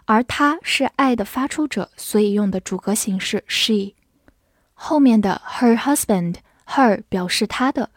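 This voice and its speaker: A woman who is a native Chinese speaker, teaching English vocabulary, calmly explaining and spelling words letter by letter, with slow read-alongs. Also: a little high, no room sound, clean studio sound.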